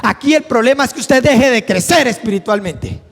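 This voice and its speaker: High-voiced preacher in echoey hall. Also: male voice, lively intonation, moderate pace, a bit bright. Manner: earnest, acts out dialogue vividly. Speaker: church teacher. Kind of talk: preaching class with personal stories. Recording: echoey hall with long reverb.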